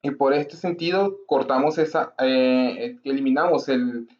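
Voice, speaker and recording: Male teacher, mid-pitched, slow and clear, keeps checking "ok?", slightly muffled lo-fi sound. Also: steady tone, a little mellow. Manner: explains slowly, repeats examples, checks in with "¿ok?". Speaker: language teacher. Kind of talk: grammar lesson to camera.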